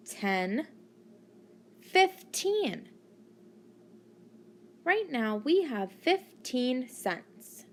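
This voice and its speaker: A woman teacher narrating a maths lesson for children, deliberately teaching a child to count and putting questions to the listener. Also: high voice, slight background noise. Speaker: primary school maths teacher.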